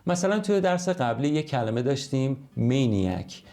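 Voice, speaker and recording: A man from Iran leads an English lesson with a mellow, darker voice. He talks in a friendly, conversational way and explains points through everyday examples. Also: medium pitch, animated. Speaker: English teacher.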